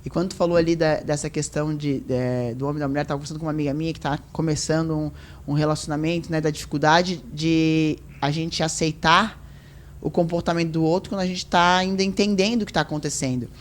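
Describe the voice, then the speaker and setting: A woman with a low voice talks fast as a podcast guest, chatting casually. She tells stories in an animated way, acting out and quoting what she and others said.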